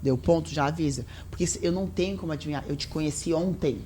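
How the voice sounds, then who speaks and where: A woman's voice: low voice, fast, slight background noise. A woman, a podcast guest chatting casually and acting out what she and others said. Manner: animated storytelling, quotes herself and others.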